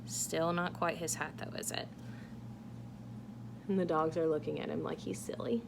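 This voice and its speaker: A woman reads a picture book aloud to children, adding casual asides and engaging them with questions. Her voice is deep with little pitch movement at a moderate pace, and background noise is clearly audible.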